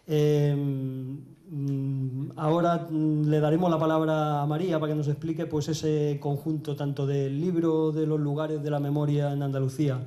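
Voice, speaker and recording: A man introducing a speaker at a conference, unhurried, with filler pauses. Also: on the high side, warm tone. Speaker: event presenter. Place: public conference hall.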